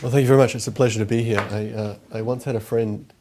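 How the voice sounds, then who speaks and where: A man from New Zealand with a broad Kiwi accent gives a formal academic lecture while speaking through a heavy cold, in measured, halting long sentences. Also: fairly low pitch, fairly even intonation, darkish tone, slight background noise. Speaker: guest lecturer.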